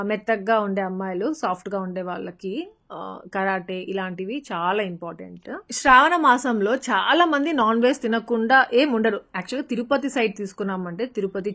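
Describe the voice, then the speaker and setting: A woman's voice: medium pitch, a bit bright. A woman vlogger with a Rayalaseema Telugu accent, narrating her family's day in a chatty, casual way with English words mixed in. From Rayalaseema, Andhra Pradesh.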